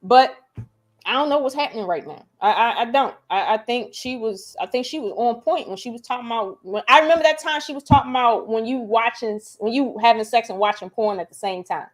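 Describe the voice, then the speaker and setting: A woman hosting a casual reaction chat, talking in a blunt, profane and animated way. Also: a little high, a little fast. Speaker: host.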